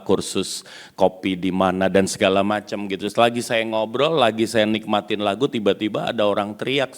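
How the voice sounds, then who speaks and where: Lively joking male pastor. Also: on the low side, clear, resonant tone. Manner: lively storytelling with jokes and sudden loud outbursts. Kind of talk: sermon. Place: church.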